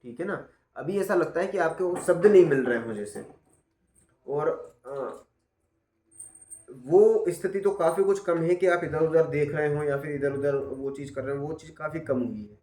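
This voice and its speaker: A man's voice: fairly high pitch, moderate pace, warm tone. A man teaching a class who gives patient, step-by-step feedback and often checks that he has been understood. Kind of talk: spoken feedback in a class session. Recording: roomy echo.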